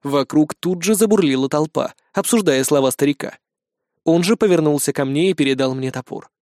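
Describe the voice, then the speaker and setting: A man narrates an audiobook in a steady, expressive storytelling manner. His voice sits fairly high for a man. The recording is close and dry, with no room sound. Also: a little fast, no echo.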